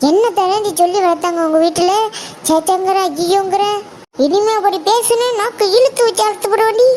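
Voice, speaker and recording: A woman voicing a shrill scolding old mother-in-law. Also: steady tone, fairly quick, darkish tone. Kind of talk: cartoon voice acting. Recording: audible background noise.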